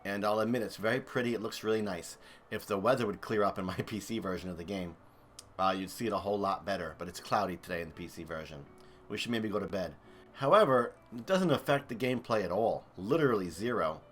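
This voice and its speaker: A man's voice: lowish voice, fast talker, fairly bright tone, a little hiss or hum. A man streaming and commentating a video game comparison in a chatty, enthusiastic way. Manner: chatty, enthusiastic, thinks aloud. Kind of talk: casual gameplay commentary.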